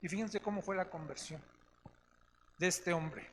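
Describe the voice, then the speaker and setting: This pastor's voice is high and fairly bright, moving at a measured pace. He teaches a chatty Bible study in a church meeting hall, checking in with listeners by ending lines with "¿no?" and "¿sí?", and the echoey room carries faint noise.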